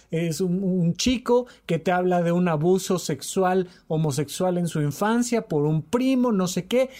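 High-voiced man, animated and emphatic. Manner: animated, repetitive, acts out quoted dialogue. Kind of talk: podcast talk on emotional health.

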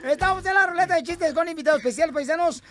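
A man with a Mexican accent hosting a live radio morning show, loud and teasing, shouting catchphrases and ribbing his guests. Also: extremely high pitch, quick pace. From Jalisco, Mexico.

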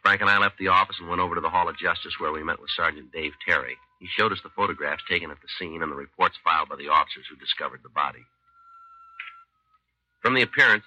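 An actor playing a tough, terse American police detective who also narrates in a deadpan, matter-of-fact way, in 1950s radio drama style. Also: male voice, low-pitched, exaggerated voice, low-quality recording.

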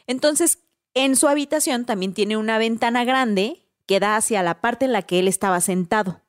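A woman's voice: on the high side, normal speed, dry recording, studio quality. Slangy Mexican woman telling a story. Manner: animated, slangy, tags lines with "¿no?" and "güey". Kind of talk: casual storytelling chat.

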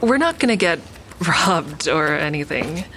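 A woman with a low, fairly bright voice gives a heavily acted, measured first-person narration as a wary shooting survivor recounting a nighttime adventure in an audio drama, her pitch swinging widely. She sounds introspective, wary and reflective, against a little hiss or hum.

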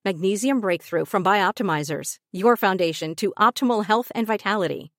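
A woman's voice: mid-range voice, normal speed. A woman reading a scripted supplement advertisement in a polished, persuasive voice. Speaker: ad announcer.

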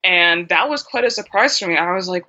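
A woman guest in a casual interview conversation, an animated storyteller who acts out quoted dialogue. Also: on the low side, brisk. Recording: dull lo-fi sound.

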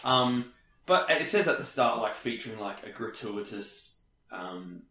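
A man, chatting casually as a podcast co-host, animated and full of fillers. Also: lowish voice, measured pace. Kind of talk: casual chat. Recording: roomy echo.

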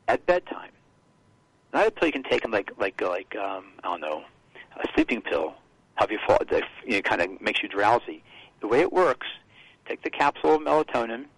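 A man talking as a health guest on a radio show, explaining in a halting way with restarts. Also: on the low side, gravelly, no room sound, rough recording.

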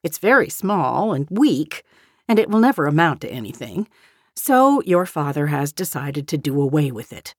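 A woman's voice: deep voice, big pitch swings, normal speed, no room sound, clean studio sound. A woman playing a practical, firm farm mother in a full-cast audiobook. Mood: matter-of-fact. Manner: firm, matter-of-fact.

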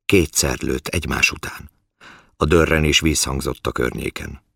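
A man calmly reading a story aloud in a measured way. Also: extremely low pitch, creaky, breathy edge, no echo, studio quality. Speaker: narrator. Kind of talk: scripted story narration.

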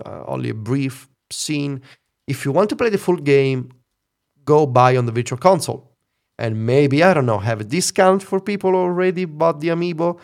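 A man's voice: medium pitch, vocal fry, a little mellow. A man, co-hosting a casual podcast chat and musing wryly with opinions. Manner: musing, opinionated, wry laughter. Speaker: podcast co-host.

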